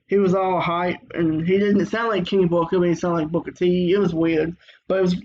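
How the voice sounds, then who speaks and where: A man's voice: high voice, a little mellow, dull audio, a little hiss or hum. A man giving a casual, rambling review of a wrestling show, full of fillers and restarts.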